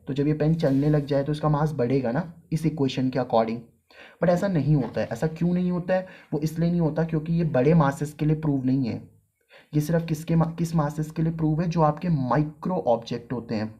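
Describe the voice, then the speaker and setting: A man teaching a casual physics lesson, mixing English terms into Hindi and slowly repeating key phrases as if for dictation. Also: on the high side, muffled recording.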